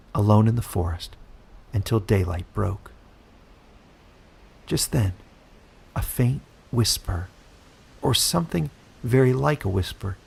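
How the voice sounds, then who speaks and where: A man narrating a fantasy story from a script, in a measured, even storytelling manner. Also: lowish voice, creaky, slightly rough.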